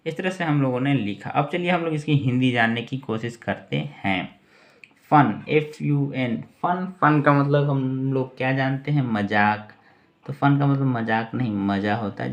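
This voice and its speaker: A man teaching English words to Hindi speakers, spelling each word out letter by letter and repeating it, often checking in with "theek hai". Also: medium pitch. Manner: keeps checking in with "ठीक है". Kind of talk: spelling and vocabulary lesson.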